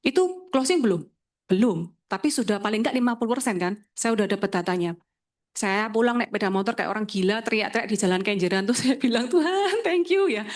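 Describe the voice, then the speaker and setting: A woman, an insurance agent telling her own story in a lively talk and acting out the dialogue. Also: mid-range voice, fast.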